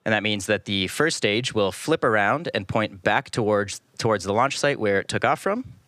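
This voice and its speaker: Male launch host, lowish pitch, very dry studio-like sound, measured live explainer delivery. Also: fairly bright tone, no echo.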